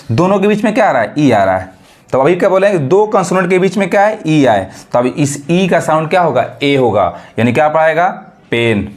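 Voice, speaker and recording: A man teaching a lesson, asking questions and answering them himself and spelling out letters slowly. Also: a little high. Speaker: English teacher. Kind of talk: classroom-style lesson explanation.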